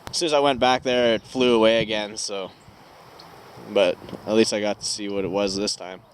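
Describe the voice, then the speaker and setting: A man chatting casually to his viewers in a laid-back, unhurried outdoor vlog. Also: fairly low pitch, steady tone. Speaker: outdoor camping vlogger. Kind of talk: casual solo vlog chat. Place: outdoors at a campground at night. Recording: outdoor wind and ambient noise.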